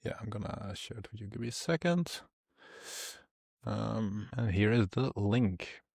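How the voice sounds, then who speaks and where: A man's voice: lowish voice, animated, unhurried, creaky, a little mellow, husky, no room sound, studio quality. A man co-hosting a casual tech podcast, explaining things loosely with lots of fillers. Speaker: podcast co-host.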